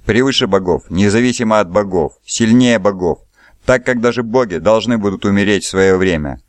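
A man's voice: on the low side, brisk, no echo, lightly acted. A man voicing a capricious, cruel old king who talks merrily, with cackling laughs. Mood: musing. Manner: merry, cackling, suddenly roaring.

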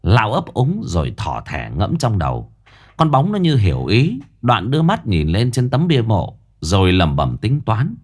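Man, ghost story narrator, lively varied pitch, storytelling. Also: normal speed. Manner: expressive storytelling.

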